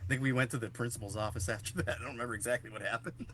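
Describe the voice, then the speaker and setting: A man with a bright, forward voice hosts a podcast, rambling through stories with plenty of fillers and restarts. Faint noise sits behind him. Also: medium pitch, fairly even intonation, rapid-fire. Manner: rambling storyteller, many fillers. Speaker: podcast host. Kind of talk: casual chat.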